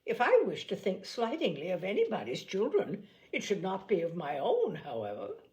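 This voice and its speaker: A woman voicing an excitable, fussy, gushing middle-aged mother in a storybook reading. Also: medium pitch, normal speed, poor audio. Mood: indignant, fond. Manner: indignant, exclamatory, fussy.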